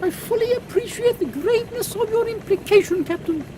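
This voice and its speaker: A man's voice: extremely high pitch, animated, a little fast. A man voicing a haughty, theatrical queen who declaims grandly in a steampunk audio comedy. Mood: assured, lofty. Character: imperious, theatrical, excitable Queen Victoria, commanding secret agents. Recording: loud airship engine noise behind.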